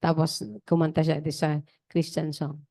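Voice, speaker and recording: A woman's voice: low-pitched, monotone, moderate pace, warm tone. A woman preacher giving a chatty, digressive testimony during a worship service.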